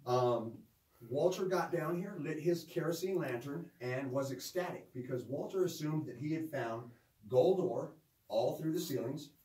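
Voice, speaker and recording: The guide's voice is fairly high and warm at normal speed as he tells folksy stories to a group and courteously directs them through a narrow-passaged underground cavern. The recording comes from a visitor's handheld phone several metres away, echoey with faint noise.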